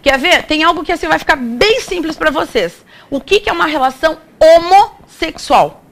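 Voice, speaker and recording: A Brazilian woman with a high voice gives a grammar lesson in a playful, chatty way. She keeps asking the class questions and answering them herself. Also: very animated, normal speed. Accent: Brazilian Portuguese. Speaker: grammar teacher. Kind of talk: exam-prep classroom lecture.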